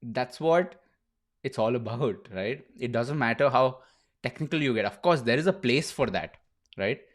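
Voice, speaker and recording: A man's voice: medium pitch, animated, moderate pace. Laid-back young man streaming, bro-heavy. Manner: laughs often, peppers speech with "bro" and "dude". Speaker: streamer host. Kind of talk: casual livestream chat.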